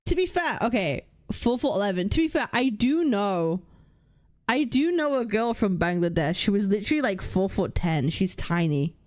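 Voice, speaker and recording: A young British woman hosts a casual livestream, reading the chat and lists aloud while thinking out loud, blunt and swearing freely. Her mid-range voice swings widely in pitch at a moderate pace.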